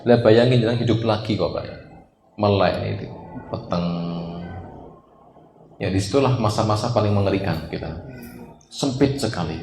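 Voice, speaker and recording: A man's voice: deep voice, a little mellow. Male preacher, echoey room. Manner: quizzes the congregation, call-and-response. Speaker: Islamic preacher. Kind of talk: sermon. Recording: echoey room, faint noise.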